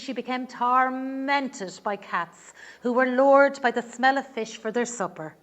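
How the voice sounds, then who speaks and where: A woman storyteller with a fairly high voice. She tells an old folktale in measured phrases, stressing key words for dramatic effect. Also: fairly bright tone. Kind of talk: traditional oral folktale storytelling.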